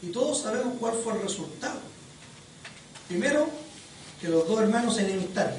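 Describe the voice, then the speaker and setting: A preacher gives a sermon in an animated storytelling manner and keeps quizzing the congregation. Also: medium pitch, brisk. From Chile. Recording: very echoey hall, distant mic, faint noise.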